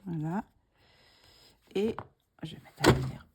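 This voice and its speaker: Mellow-voiced woman walking through a coloring tutorial, slow and soft, half whispering to herself. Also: deep voice, lively intonation, a little hiss or hum. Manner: slow, soft-spoken, thinking aloud, drops to whispers.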